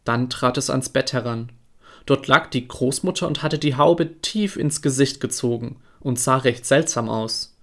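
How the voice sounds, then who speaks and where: A man reading a fairy tale aloud in a calm, even storytelling voice. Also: mid-range voice, measured pace.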